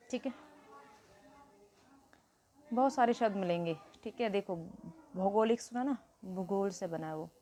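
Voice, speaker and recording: A woman's voice: lowish voice, warm tone, a little hiss or hum. A woman teaching a Hindi grammar lesson, explaining step by step and asking questions she answers herself.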